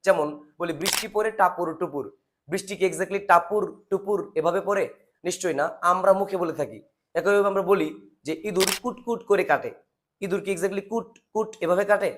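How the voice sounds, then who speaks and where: Man, high voice, grammar teacher, rhetorical questions, faint noise. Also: brisk, fairly bright tone. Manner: asks rhetorical questions and answers them. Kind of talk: scripted grammar lesson.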